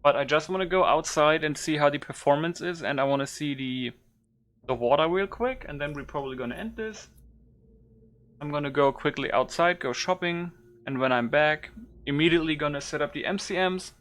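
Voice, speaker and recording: This YouTuber's voice is a little high and fairly bright, and he moves along quickly. He riffs informally on a modded game, working through his thoughts out loud.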